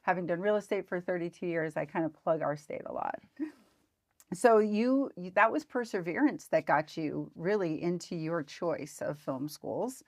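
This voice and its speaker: A woman's voice: lowish voice, expressive, moderate pace. Woman host, middle-aged, enthusiastic, upbeat, talk-show interviewer. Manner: upbeat and enthusiastic, loose phrasing.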